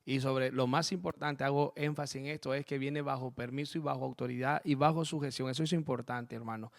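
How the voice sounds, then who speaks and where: Speaking fairly fast with a touch of vocal fry, a medium-pitched man keeps a steady tone as he hosts a church program in Spain. The pastor prays and interviews his guests, fervently blessing them and saying amen again and again.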